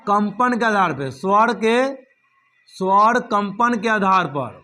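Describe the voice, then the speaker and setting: A man's voice: high-pitched, expressive, takes it slowly, sharp tone. A man teaching a grammar lesson, repeating each point and asking check questions like "understood?" before answering them himself.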